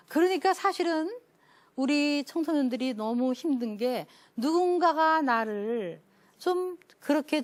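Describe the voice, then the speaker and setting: A middle-aged woman professor giving a parenting lecture, telling anecdotes animatedly, acting out quoted voices and laughing often. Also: high voice. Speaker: professor teaching a parenting class.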